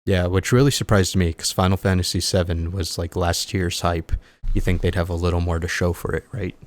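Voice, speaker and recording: Deep voiced guy on a gaming podcast, super dry close sound, chatty and animated. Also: fairly quick, no room sound. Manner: chatty, animated storyteller who acts out quotes. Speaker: podcast co-host. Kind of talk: casual chat about games.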